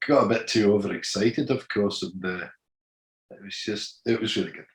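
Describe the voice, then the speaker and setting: Gravelly sixty-something singer, roomy. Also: male voice, fairly low pitch, normal speed. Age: 60s. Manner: rambling, full of "you know", laughs easily. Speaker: guest singer. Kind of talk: casual interview chat.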